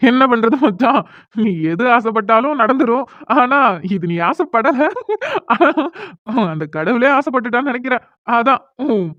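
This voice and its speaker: A woman's voice: fairly high pitch, moderate pace, dry recording, natural voice. Woman playing a teasing young best friend. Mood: smug. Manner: mocking, amused, excitable. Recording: dry, tinny phone-like audio.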